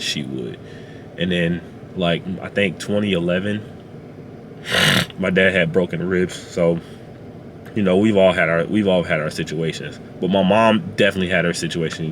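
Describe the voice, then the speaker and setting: A man sharing a personal testimony in a car, speaking haltingly with many fillers and restarts. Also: deep voice, fairly even intonation, a little hiss or hum. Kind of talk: emotional personal storytelling. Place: inside a parked car.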